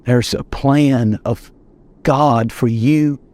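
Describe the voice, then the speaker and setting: A male pastor preaching earnestly from a boat on open water. His delivery is emphatic, with repeated words for weight, at a middle pitch. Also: very slow, warm tone. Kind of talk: sermon. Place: on a boat on a lake, outdoors.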